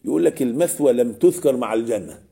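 A man's voice: mid-range voice, expressive, fast talker, creaky, warm tone, husky. A man with an Egyptian Arabic accent teaching a lesson on Quranic verses, often asking the class a question and answering it himself. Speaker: religious teacher.

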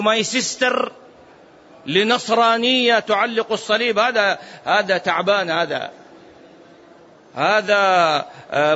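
A man's voice: high-pitched, sharp tone, highs cut off. A man giving a religious lesson as a preacher, emphatic and rhetorical, sometimes chanting phrases. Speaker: Islamic preacher.

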